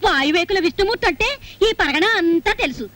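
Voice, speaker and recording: A woman's voice: very high-pitched, animated, fast talker, a bit bright, no room sound. An actress playing a middle-aged wife who scolds sharply and turns tearful and pleading over her absent husband. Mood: boastful, tearful. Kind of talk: Telugu film melodrama.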